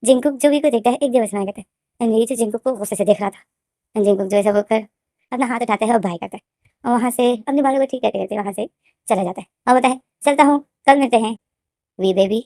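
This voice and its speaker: A woman's voice: on the high side, fast talker, mellow, dry recording, studio quality. A woman casually retelling a fan-fiction story, narrating in a repetitive, rambling way.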